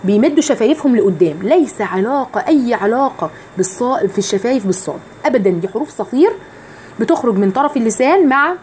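A woman with an Egyptian Arabic accent teaching Quran recitation rules to women, explaining each rule, reciting verses slowly and drawn out, and putting questions to her listeners. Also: a little high, animated, darkish tone, a little hiss or hum. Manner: asks the listeners questions directly. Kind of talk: tajweed lesson for women.

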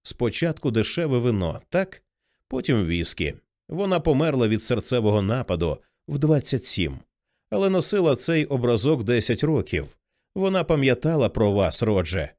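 A man reading the lines of a quiet, earnest young man in an audiobook. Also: medium pitch, big pitch swings, normal speed, dry recording, clean studio sound, natural voice. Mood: insistent.

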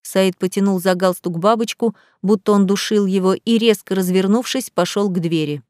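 A woman narrating a romance novel in a steady storytelling voice as an audiobook reader. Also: mid-range voice, moderate pace, no room sound, clean studio sound. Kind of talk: scripted narration.

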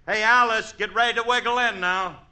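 A man's voice: high-pitched, fairly even intonation, fairly quick, bright, forceful tone, clear, resonant tone. A man playing a bossy, scheming husband in an old-time radio comedy, with an insistent, blustering and wheedling delivery. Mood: bossy, exasperated. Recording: noisy old radio recording.

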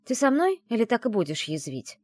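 A touchy young witch student who snaps back at her friend in a sulky, defensive tone, as an audiobook reader plays her. Her voice rises and falls in lively swings. It sounds close and dry. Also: medium pitch, moderate pace, no room sound, voice pushed up, lightly acted. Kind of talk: audiobook character reading.

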